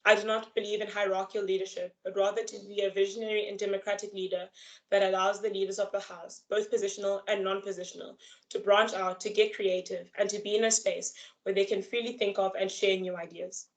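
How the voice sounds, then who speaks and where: A young woman who is a student candidate delivering a prepared campaign speech over a video call, earnest, measured and formal. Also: mid-range voice, flat delivery, low-quality recording. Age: young adult.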